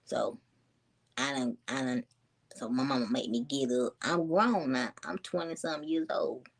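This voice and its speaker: Woman in her late twenties, low voice, chatty storytelling vlog, talks straight to viewers. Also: normal speed, vocal fry. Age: 20s. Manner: chatty, animated, addresses viewers as y'all. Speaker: vlogger. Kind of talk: casual storytelling to camera.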